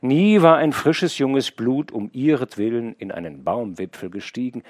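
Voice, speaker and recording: A man reading a classic novel aloud as an audiobook narrator, in a measured, expressive storytelling manner. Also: no room sound, studio quality. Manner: measured, expressive storytelling with wide pitch movement. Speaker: audiobook reader. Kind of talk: scripted literary narration.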